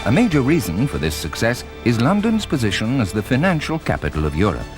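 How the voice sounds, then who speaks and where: A man reading scripted corporate documentary narration in a measured, formal way. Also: medium pitch, wildly swooping pitch. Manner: measured, formal presenter delivery. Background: music.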